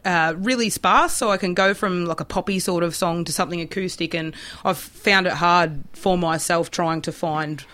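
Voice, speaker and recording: A woman's voice: on the low side, normal speed, few pauses. A woman, a musician guest chatting casually in a radio interview. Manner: chatty, animated, laughs easily.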